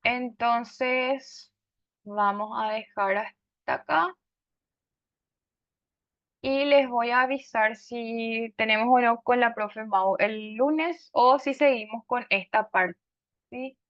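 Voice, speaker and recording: A woman's voice: a little high, slow, long pauses, fairly bright tone, dry recording. A woman teacher lecturing a class, explaining points and often checking with "¿sí?". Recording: dull lo-fi sound.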